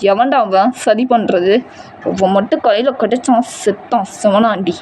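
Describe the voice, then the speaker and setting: A woman voicing a furious, short-tempered young man who shouts and scolds harshly in an amateur storytelling. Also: medium pitch, moderate pace, a little hiss or hum, lightly acted. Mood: angry.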